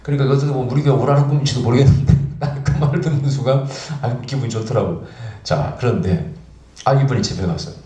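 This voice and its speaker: A man preaching as pastor, telling a story with lively acted-out dialogue. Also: medium pitch, fast, echoey room. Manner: animated, acts out dialogue in the story. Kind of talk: storytelling sermon.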